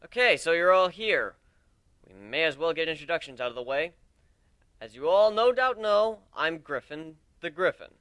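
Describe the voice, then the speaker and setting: A man voicing a brash, cocky griffin captain in a story reading, loudly addressing his crew with a commanding manner. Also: a little high, big pitch swings, normal speed, smooth, no room sound. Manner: loud, commanding, speechifying.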